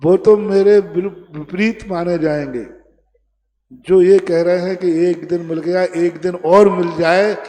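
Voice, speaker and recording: A man preaching a sermon to a large gathering, slow and emphatic, teasing his listeners at times. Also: high-pitched, steady tone, warm tone, long reverb tail. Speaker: Jain monk preacher.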